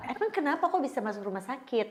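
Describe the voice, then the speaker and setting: A woman's voice: sits high, big pitch swings, quick pace, a crowd in the background. Casual chatty woman hosting a podcast. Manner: echoes guest's words and gives frequent backchannels; informal, mixes in English words. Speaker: podcast host.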